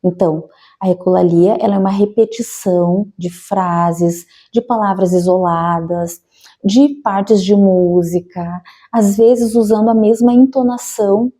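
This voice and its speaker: A woman's voice: mid-range voice, steady tone, unhurried, mellow. A Brazilian educational psychologist, a woman, explains a topic to parents in a friendly, conversational way, often checking in with tag questions.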